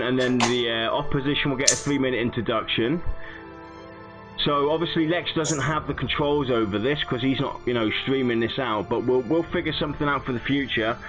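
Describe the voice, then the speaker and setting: A man hosting a casual online debate show, easy and chatty, quick to joke back when he is cut off. His voice sits at an ordinary male pitch. The audio is a bit muffled, with faint music playing underneath. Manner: bantering, mock-indignant when interrupted. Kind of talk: casual podcast chat.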